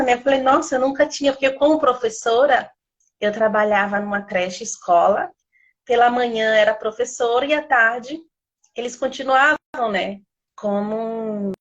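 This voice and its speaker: A woman in her thirties from Bahia, a missionary and former teacher, talking in a rambling, chatty way on a video call live stream. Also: fairly high pitch. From Salvador, Bahia, Brazil. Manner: chatty, rambling with many fillers. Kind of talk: casual live-stream talk.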